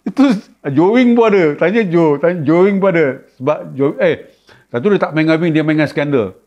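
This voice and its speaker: A man with a Malaysian Malay accent, casually telling a funny story about a gig. He laughs often and acts out a shrill scream. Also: brisk. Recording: dull lo-fi sound.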